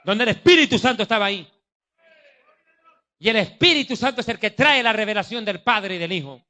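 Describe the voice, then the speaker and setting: A male preacher delivers a sermon full of mockery and jokes. His voice is high and bright, and he lands his points with heavy emphasis. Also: lively intonation, a little fast. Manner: mocking, jokey, emphatic.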